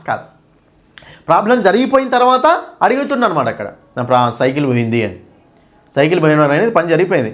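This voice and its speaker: A man teaches an exam-prep lesson, slightly high-pitched and speaking at a rapid clip. He breaks each point down step by step and keeps pausing to ask his students questions. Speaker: English teacher.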